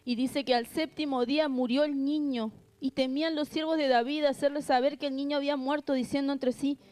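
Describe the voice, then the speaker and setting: Here a woman with a high, steady, slightly mellow voice delivers an earnest sermon at a brisk clip. She alternates her remarks with scripture read aloud and asks the congregation rhetorical questions.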